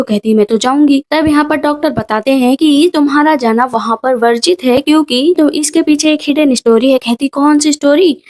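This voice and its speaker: A woman narrating a casual recap of a drama, briskly retelling the story and relaying each character's lines in her own voice. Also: high-pitched, darkish tone.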